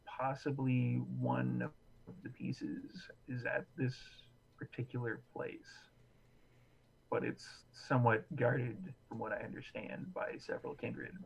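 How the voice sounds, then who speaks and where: Quiet, measured vampire dealer, put on by a man game master, bright tone, dull lo-fi stream sound. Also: mid-range voice, vocal fry. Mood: hushed. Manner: quiet and measured, near whispering.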